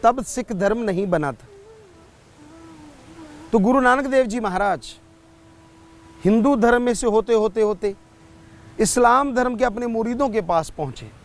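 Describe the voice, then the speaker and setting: Slow, high-voiced male preacher. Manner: slow, measured, storytelling delivery. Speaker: spiritual preacher. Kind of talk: sermon with storytelling.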